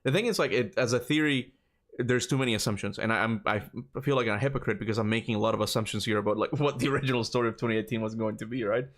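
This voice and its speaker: Very fast and on the low side, this man's voice carries casual livestream commentary as he plays a video game. He muses aloud, says things more than once, and laughs readily.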